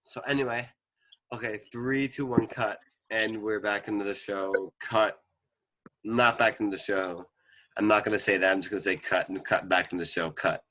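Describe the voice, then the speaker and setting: A man's voice: on the low side, steady tone, moderate pace, sharp tone, low-quality recording. Rambling young man joking with friends. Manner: rambling, joking, stumbling over words. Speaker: podcast host. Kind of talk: casual chat.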